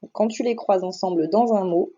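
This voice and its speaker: A woman teaching phonics to young children in a recorded slideshow lesson. She speaks slowly and carefully, stretching each sound so the children can hear it. Her voice is mellow and soft, and the recording sounds a little dull and lo-fi. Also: mid-range voice. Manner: slow, careful, over-articulating sounds and syllables. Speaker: primary school teacher.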